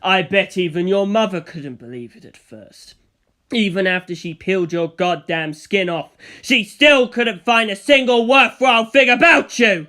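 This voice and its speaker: A man voicing a cruel, domineering male vampire villain in an audiobook, raging with snarling contempt and shouted abuse. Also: high voice, animated, normal speed. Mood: scornful rage. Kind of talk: audiobook character acting.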